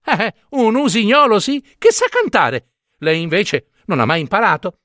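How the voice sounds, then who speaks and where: A man's voice: high-pitched, sing-song, normal speed, a bit bright, dry recording, studio quality, pitched above the performer's own voice. A man voicing a vain old pen that gossips mockingly about the teapot.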